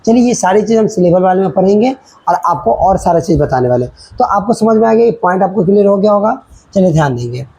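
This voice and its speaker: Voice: medium pitch, animated, quick pace, mellow, slightly rough, poor audio. A teacher giving a children's grammar lesson, repeating points and checking in often while mixing in English words.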